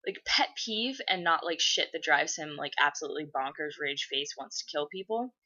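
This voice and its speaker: A woman's voice: low voice, expressive, moderate pace, sharp tone, muffled recording. A woman in her twenties chatting casually, blunt and swearing freely as she gets worked up. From USA. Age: 20s. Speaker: vlogger. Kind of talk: casual chat.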